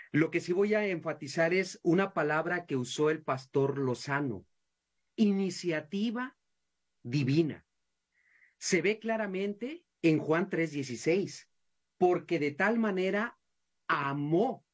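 A pastor with a husky, slightly rough voice, speaking emphatically on a Bible study panel. He talks like a preacher and draws out the phrases he wants to stress. He is a man who leans into his points. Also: on the high side.

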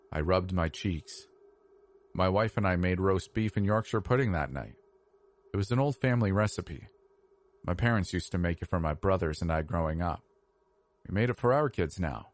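A man with a very low voice reads a creepy first-person tale. His delivery is slow, measured and somber, built for scripted horror narration. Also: no echo.

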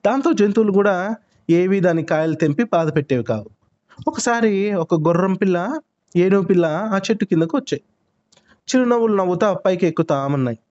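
A male storyteller narrating a children's tale in an expressive way, full of lively sound words. His voice sits a little high for a man. The recording is muffled and lo-fi. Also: a little fast.

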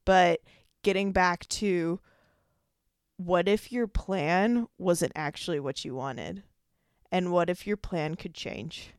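A woman's voice: on the low side, slow, clear, resonant tone, no room sound, clean studio sound. A woman in her twenties hosting a solo podcast, talking casually and rambling with lots of "like" as she thinks aloud. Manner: rambling, heavy use of "like". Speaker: podcast host.

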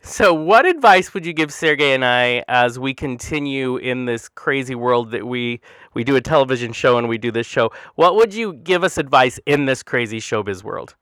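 A man in his forties co-hosting an interview, enthusiastic and quick to laugh and agree. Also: mid-range voice, lively intonation, fairly bright tone, smooth, dry recording. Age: 40s. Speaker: podcast co-host. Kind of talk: casual interview chat.

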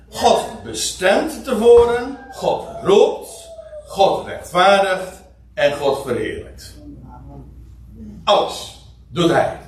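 A man preaching a Bible teaching sermon, repeating phrases for emphasis and rising in pitch on key points. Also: slight background noise. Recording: echoey room, speaker far from the mic.

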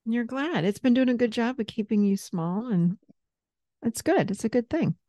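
Gentle, mellow-voiced woman therapist. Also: a little high, animated, moderate pace, no echo, clean studio sound. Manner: gentle, patient, coaching prompts. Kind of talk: guided parts-work session.

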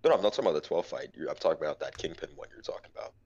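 A man with an extremely low voice explains his game strategy in a laid-back, analytical way. The recording sounds dull and muffled. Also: lively intonation, rapid-fire, a little mellow. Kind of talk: casual gaming chat.

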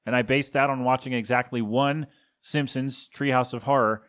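A man's voice: mid-range voice, fairly even intonation, moderate pace, a bit bright. A man hosting a casual solo podcast, rambling through listener suggestions with chuckling asides and lots of ums and uhs. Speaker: podcast host.

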